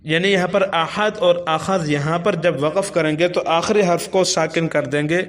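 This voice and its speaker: A man with a Pakistani accent teaching Quran reading, spelling out syllables slowly in a chanting tone. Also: fairly high pitch, fairly even intonation, fairly bright tone.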